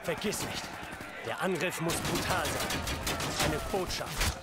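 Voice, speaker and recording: An actor playing a fierce, commanding rebel leader with solemn, rousing oratory in a video game. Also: male voice, a little high, measured pace, close to an everyday voice. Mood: grave, commanding. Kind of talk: dramatic video game voice acting. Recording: loud battle noise and crowd behind.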